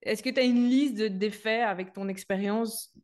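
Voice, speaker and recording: Lady hosting a podcast, keen and agreeing a lot, mid pitch. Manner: warm enthusiastic interviewer, quick agreement. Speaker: podcast host. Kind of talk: casual interview conversation.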